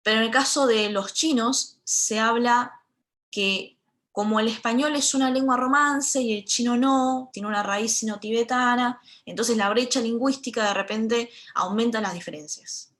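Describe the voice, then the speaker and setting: A woman's voice: on the high side, moderate pace, fairly bright tone. A woman in her twenties from Buenos Aires with a Rioplatense accent, giving an earnest lecture talk in short, emphatic phrases. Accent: Rioplatense Spanish. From Buenos Aires, Argentina. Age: 20s. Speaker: panel speaker.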